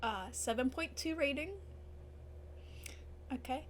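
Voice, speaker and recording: A woman's voice: high voice, slow, slight background noise. A young woman hosting a TV reaction video, emotional and tearful, gasping, swearing and laughing through her upset. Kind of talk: episode reaction commentary.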